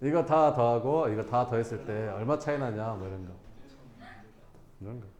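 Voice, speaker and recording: A man's voice: mid-range voice, normal speed, a little mellow, echoey room. A male math teacher giving a classroom lesson, casually questioning students and answering himself.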